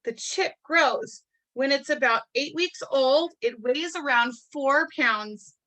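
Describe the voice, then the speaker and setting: A woman reading a picture book aloud to children, marveling in a gentle, teacherly way and adding chatty asides to explain things. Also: sits high, takes it slowly, rough recording. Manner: adds chatty explanatory asides between passages.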